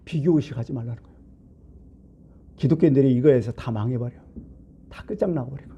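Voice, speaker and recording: In a lo-fi recording, a pastor with a medium-pitched, slightly rough voice preaches a Sunday sermon at a quick pace. His tone is conversational, he questions the congregation, and he moves between loud stresses and hushed remarks.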